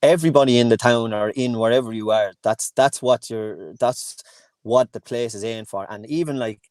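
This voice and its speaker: A man's voice: medium pitch, normal speed, a little mellow, dry recording. A man from Kilkenny with an Irish accent, chatting casually as a podcast guest, rambling with many restarts and fillers. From Ireland, Kilkenny. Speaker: guest, hurling coach in Antrim.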